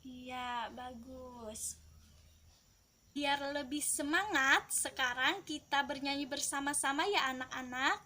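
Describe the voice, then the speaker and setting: A woman's voice: high voice, moderate pace, sharp tone. A woman teaching young children to recite, patiently modelling each sound for them to repeat. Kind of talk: Quran recitation lesson.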